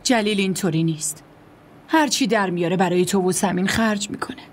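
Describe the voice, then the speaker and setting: A woman's voice: medium pitch, lightly acted. A woman dubbing a bitter young wife who complains sharply and resentfully. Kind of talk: Persian dubbing of a drama series. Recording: voice over loud music.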